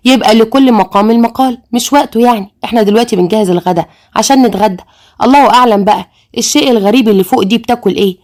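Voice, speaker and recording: A woman voicing a calm, patient middle-aged stepmother in an Egyptian accent, speaking in a soothing, measured way. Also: on the high side, close to an everyday voice.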